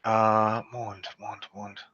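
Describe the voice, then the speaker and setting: A beer reviewer from western Canada casually reads out beer award winners in a solo video, chatty but stumbling over foreign brand names. His lowish voice is completely flat in delivery, with drawn-out words that sound pushed and bright. The dry recording has a slightly dull, lo-fi sound.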